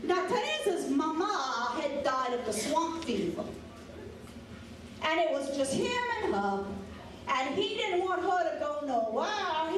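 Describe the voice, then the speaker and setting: A woman with a Cajun Louisiana accent telling folk tales in a theatrical, folksy dialect. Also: sits high. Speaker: storyteller. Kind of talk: dramatic folk storytelling. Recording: echoey room, distant mic, noisy background.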